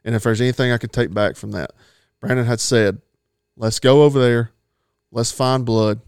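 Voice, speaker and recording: A man's voice: medium pitch, fairly even intonation, moderate pace, a little mellow, clear, resonant tone, no echo, studio quality. A man telling a long hunting story in a rambling, folksy way, laughing at himself now and then. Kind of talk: casual storytelling.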